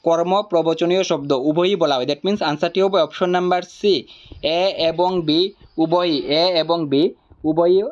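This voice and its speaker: A man tutor walking through exam answers, repeating each option deliberately. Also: on the high side, steady tone, dull audio.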